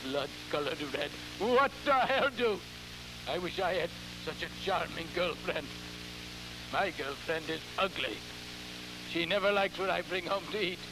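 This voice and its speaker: High-voiced, slow, ghoulish horror host. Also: male voice. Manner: slow, halting, repeats words, cackling theatrical delivery. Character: ghoulish male horror host, scheming, theatrical talent agent. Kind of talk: campy TV horror host monologue. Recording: noisy, humming vintage television recording.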